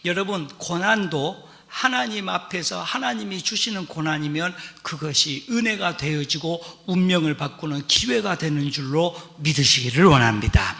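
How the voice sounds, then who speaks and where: Man, pastor, sermon, earnest storytelling, high pitch, reverberant church hall. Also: gravelly, sharp tone. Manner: earnest preaching with personal stories and scripture reading. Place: church sanctuary.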